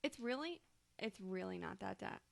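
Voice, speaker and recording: A woman co-hosts a podcast in a gravelly voice, laid-back and teasing. Her voice sits at a medium pitch, with a faint hiss of noise behind her. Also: expressive, normal speed. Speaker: podcast co-host. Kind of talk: casual chat.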